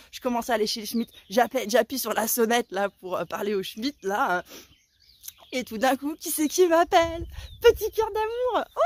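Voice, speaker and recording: A woman in her forties with a slightly high voice, worked up and theatrical as she recounts a story to her viewers. A sore throat holds her volume down, yet she stays vivid and blunt, swearing freely. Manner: animated, dramatic, colloquial storytelling with swearing. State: sore throat, talking softer than usual. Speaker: vlogger. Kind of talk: casual storytelling vlog.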